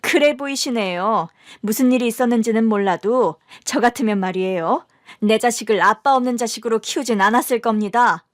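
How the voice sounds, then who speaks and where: A woman's voice: a little high, brisk, dry recording, studio quality, lightly acted. A woman voicing a haughty, wealthy middle-aged mother-in-law who talks down to others, in a radio drama. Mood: scornful.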